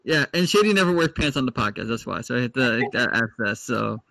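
A man co-hosting a podcast in casual chat, friendly and halting, asking questions. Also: mid-range voice, expressive, gravelly, pushed and bright. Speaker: podcast co-host.

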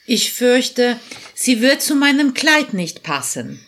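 A man voicing a haughty, snobbish young woman in a storybook reading, in a shrill, scornful falsetto. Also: sing-song, takes it slowly, fairly bright tone, exaggerated voice. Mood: dismissive.

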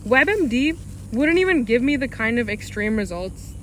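Giggly young woman with a higher voice. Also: very animated, slight background noise. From Alaska. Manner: giggly, halting, restarts. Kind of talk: casual chat.

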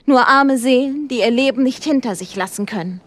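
A woman's voice: sits high, a little fast, no room sound, voice pushed up, close to an everyday voice. A woman voicing an obsessed, scornful man who speaks in a raised, strained voice.

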